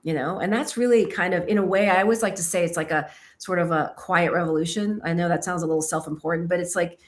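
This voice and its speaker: Woman filmmaker from Kentucky, slightly low voice, reflective, self-deprecating, halting interview delivery. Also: steady tone. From Kentucky, United States. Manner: thoughtful, self-deprecating, searching for words. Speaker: filmmaker and author. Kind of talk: casual interview answers.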